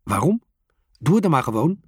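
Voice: medium pitch, normal speed, slightly rough, dry recording, studio quality. A storyteller voicing Bas, a playful young boy in a children's storybook, speaking eagerly in a raised voice. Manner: eager, excited.

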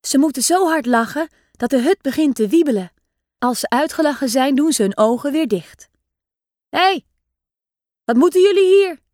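A woman reading a children's story aloud in a lively, expressive way. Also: high voice, brisk, dry recording.

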